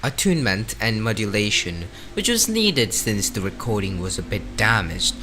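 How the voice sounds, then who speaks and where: A man narrates scripted game lore in a dramatic, animated way. His voice sits on the low side but swings widely in pitch for emphasis. Music plays clearly underneath him. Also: moderate pace. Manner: dramatic, with rising and falling emphasis.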